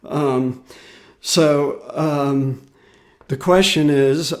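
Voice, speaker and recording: A man's voice: on the high side, extremely slow. A man hosting his own podcast, talking loosely and unhurriedly with many fillers and restarts. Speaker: podcast host. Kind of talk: solo podcast commentary.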